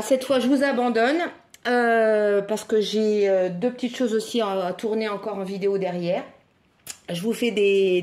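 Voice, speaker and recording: A chatty woman from France tells a story straight to camera in a relaxed, conversational vlog style. Her voice sits at an everyday middle pitch, and she acts out each quoted exchange with lively back-and-forth. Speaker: craft vlogger. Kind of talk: casual chat to camera.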